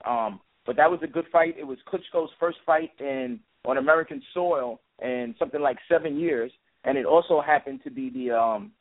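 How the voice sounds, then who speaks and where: A man giving conversational sports analysis as a boxing pundit, in a halting delivery full of filler words. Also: on the high side. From Brooklyn, New York. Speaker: guest boxing writer and analyst. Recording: tinny phone-like line.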